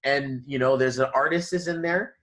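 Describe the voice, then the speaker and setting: A man's voice: medium pitch, moderate pace, fairly bright tone. Guy chatting about numbers and cosmic energy, loose and rambly, restarts a lot. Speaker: numerology reader, guest. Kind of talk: casual spiritual chat.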